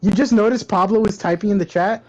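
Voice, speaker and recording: A man's voice: sits high, fairly even intonation, fast talker, rough recording. A young man co-hosting a podcast, chatting casually with a laid-back, teasing, slangy manner. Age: young adult. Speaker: podcast co-host. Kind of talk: casual chat.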